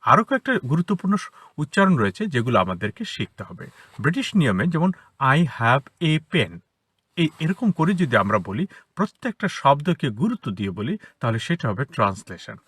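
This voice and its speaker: Male English tutor, Bengali accent, lively up-and-down delivery, bright but slightly husky tone, dry close sound in a car, explains patiently and repeats examples. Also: a little high, fairly quick, no echo. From Bangladesh. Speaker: English teacher, academy founder. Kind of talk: spoken English lesson for children. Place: inside a parked car.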